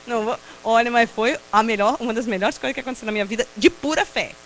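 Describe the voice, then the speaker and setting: A Brazilian woman with a Brazilian Portuguese accent, giving a personal testimony talk at a prayer group, telling stories in a lively way, laughing often and acting out what people said. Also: fairly high pitch, a little fast, a little hiss or hum, rough recording. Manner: lively storyteller who laughs often and acts out quotes. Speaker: invited speaker at a prayer group.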